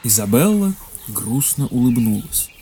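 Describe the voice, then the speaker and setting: A narrator reading a fairy tale in a measured, expressive way. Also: mid-range voice, breathy edge. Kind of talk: storybook narration.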